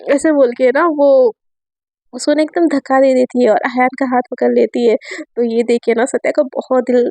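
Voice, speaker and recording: A woman with a sore throat tells a story in a loose, chatty way, full of fillers. Her voice is high yet mellow, and the recording is dry and close. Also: little pitch movement, moderate pace, dry recording. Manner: chatty, filler-heavy retelling. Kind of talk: casual story narration.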